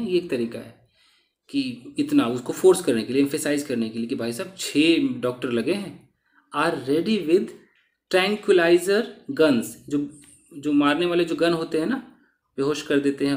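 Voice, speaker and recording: A man teaching English through newspaper reading. He reads each English phrase slowly, then explains it quickly. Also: fairly high pitch, a little mellow, reverberant.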